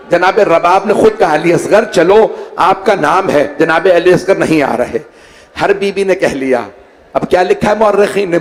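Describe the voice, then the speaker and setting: Brief: male religious scholar, high voice, mourning sermon, impassioned lament rising to wailing shouts. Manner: dramatic, voices the pleas of the people in the story. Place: mourning hall with a gathered audience.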